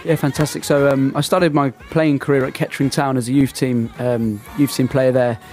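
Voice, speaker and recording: A man's voice: mid-range voice, level tone, normal speed, darkish tone, faint music behind. A young man, a football coach, telling his story as a radio guest in an eager way with many fillers. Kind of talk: casual radio interview.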